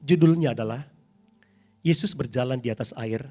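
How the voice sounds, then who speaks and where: A middle-aged pastor preaches a sermon in church, dramatic and animated, at a moderate pace with sudden loud peaks.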